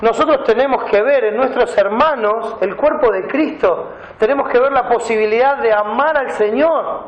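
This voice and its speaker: A pastor delivers his sermon in a high voice, reading Bible verses and unpacking the words. The sound rings around a reverberant church hall. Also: moderate pace, dull audio. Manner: preaching, reads scripture aloud and explains Greek words.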